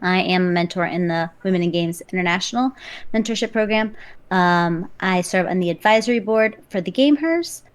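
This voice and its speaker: A woman's voice: on the low side, a little fast, clear, resonant tone. A woman co-hosting a live stream, chatting casually and listing things with lots of ums. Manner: relaxed, lists things with many ums. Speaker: co-host and esports director. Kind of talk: casual livestream chat. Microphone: live stream microphone.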